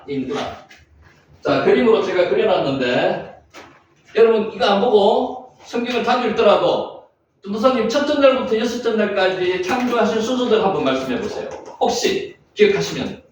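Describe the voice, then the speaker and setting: Male Bible teacher, very high voice, repeats and quizzes, echoey far-off lo-fi recording. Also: a little hiss or hum. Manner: repetitive, drilling students with questions. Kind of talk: classroom lecture. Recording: echoey room, distant lo-fi mic.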